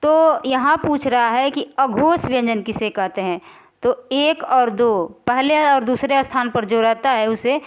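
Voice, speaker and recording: A woman teacher works through exam questions, stretching out key terms and repeating them. She keeps asking rhetorical questions to check that her students follow. Her voice is smooth and rather high, and the audio is slightly dull. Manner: explains slowly, repeating and drawing out key words. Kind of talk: exam-prep grammar lesson.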